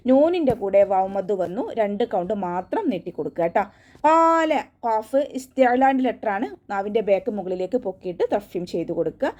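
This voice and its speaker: A woman teaching tajweed in an online class, giving patient step-by-step pronunciation instructions and then reciting each verse slowly, in a higher voice. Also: expressive. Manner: patient, step-by-step instruction, often ending with a soft "tto".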